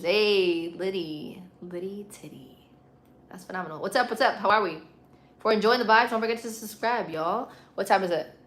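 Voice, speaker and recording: A woman's voice: mid-range voice, fairly bright tone. A woman with a Puerto Rican accent hosting a casual live stream, chatting with viewers in an informal, slangy, playful way. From Puerto Rico. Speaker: livestream host.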